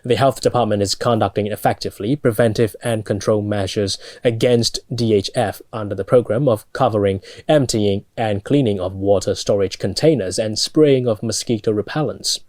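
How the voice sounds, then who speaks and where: A young man with a Burmese accent anchors a news bulletin. His voice sits a little low as he reads scripted reports. The studio sound is very dry, with no room echo. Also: normal speed, few pauses, darkish tone. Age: young adult.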